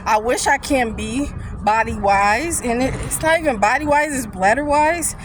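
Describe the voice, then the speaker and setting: A young woman talks into her phone while she walks, slightly breathless and pitched a little high. She rambles candidly from one thought to the next. Faint street noise hums behind her. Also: normal speed. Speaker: vlogger. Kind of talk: casual chat. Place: outdoors on foot, near traffic.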